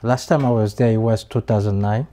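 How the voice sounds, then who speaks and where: A man answers questions in a TV studio. His voice is dark and mellow, and he often stops and restarts his words. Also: fairly low pitch, fairly even intonation, brisk. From Haiti. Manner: hesitant, repeats and restarts words. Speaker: guest, English student. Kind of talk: interview answers.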